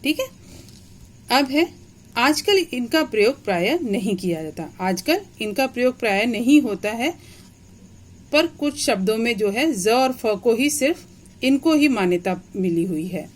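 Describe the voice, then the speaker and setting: A woman's voice: on the high side, expressive, unhurried. Woman teacher explaining step by step. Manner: explains step by step, checks understanding with questions. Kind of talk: classroom grammar lesson.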